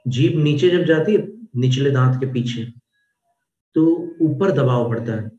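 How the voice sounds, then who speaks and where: A man teaching a devotional Jain hymn, spelling out sounds slowly and carefully, then chanting verses in a rising melody. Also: medium pitch, warm tone. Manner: slow, careful pronunciation drills. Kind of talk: devotional recitation lesson. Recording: roomy, dull lo-fi audio.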